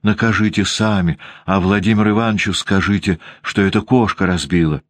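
A man's voice: low-pitched, steady tone, brisk, dry recording, natural voice. A man voicing a playful schoolgirl who begs an adult in a storybook reading. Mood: pleading. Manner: pleading, breathless. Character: frightened pleading playful schoolgirl.

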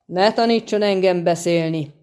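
A woman voicing a boastful, gruff male dwarf who shouts as a herald in a storybook reading. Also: on the low side, natural voice. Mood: proud. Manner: loud, bellowing, cocky.

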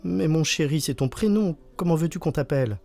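A man's voice: on the high side, animated, a little fast, gravelly, darkish tone, soft background music, pitched above the performer's own voice. Man doing a gushing, doting mum. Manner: gushing, cooing. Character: doting fussy mother of a young boy.

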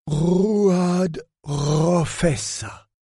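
A man voicing an enigmatic old millionaire lord in his eighties, with a grave, sepulchral, husky voice and a slow, solemn way of talking. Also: fairly low pitch, darkish tone, no room sound, studio quality, exaggerated voice. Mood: grave, mysterious. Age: 80s. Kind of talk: audiobook character voice.

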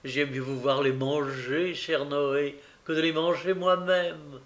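Storybook figure: man doing a young woman servant, soft coaxing tone. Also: on the high side, steady tone, slow.

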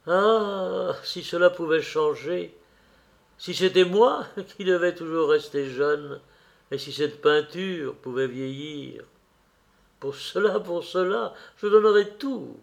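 A man's voice: on the high side, creaky, voice pushed up. A man reading a classic novel aloud, voicing an anguished, vain young man obsessed with youth, in an impassioned, pleading, theatrical manner.

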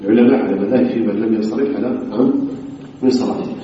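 A man's voice: lowish voice, rapid-fire, mellow. A man from Algeria teaching a religious lesson who repeats his points, checks that his students follow, and half-chants some phrases. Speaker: Islamic scholar teaching a class. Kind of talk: religious lesson explaining a text. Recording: echoey, distant, dull lecture-hall recording.

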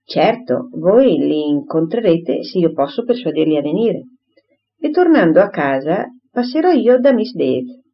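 A woman reading an audiobook, voicing a calm, dry, firm gentleman who speaks in a measured way, in a dull lo-fi recording. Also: lowish voice, exaggerated voice.

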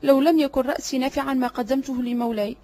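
For an audiobook drama reading, a woman voices a cunning male servant who flatters his way along, obsequious and sly. She speaks fast in a high register.

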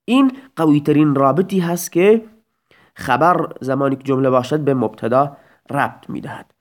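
A man teaching Arabic grammar in an audio lesson, explaining step by step and asking rhetorical questions. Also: a little high.

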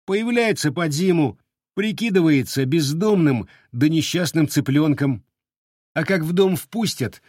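A man's voice: on the high side, no echo, clean studio sound, pitched above the performer's own voice. A man voicing a stern, weary young monster hunter who scolds and explains firmly.

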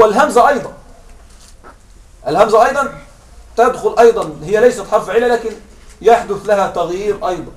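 A man's voice: high voice, distant mic. A man teaching an Arabic grammar lesson, patiently explaining step by step and checking that students follow. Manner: patient, checks understanding with repeated questions. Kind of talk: classroom lesson.

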